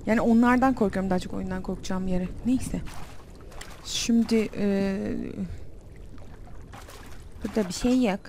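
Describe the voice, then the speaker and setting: A woman's voice: mid-range voice, measured pace, pauses often, warm tone, slight background noise. A young woman playing a horror game on facecam, talking to herself and shrieking when frightened. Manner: jumpy, talks to herself, shrieks when scared. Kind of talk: let's play commentary. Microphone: desk mic with facecam.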